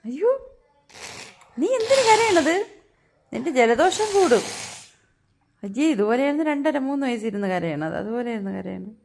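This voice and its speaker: Playfully scolding young mother, lively pitch. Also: a little fast, gravelly. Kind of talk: casual home vlog talk to her child.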